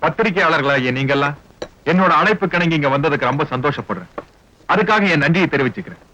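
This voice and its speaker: An actor playing a smooth-talking, scheming male villain who speaks in a condescending way. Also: on the high side, expressive, fast talker, sharp tone, a little hiss or hum. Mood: pompous. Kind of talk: film dialogue. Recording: dull film soundtrack with music.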